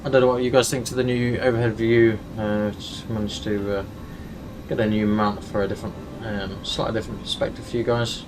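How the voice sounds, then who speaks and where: A man's voice: fairly low pitch, little pitch movement, a little fast, background noise. A man giving casual running commentary to viewers as he flies a flight simulator. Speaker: streamer flying a flight simulator.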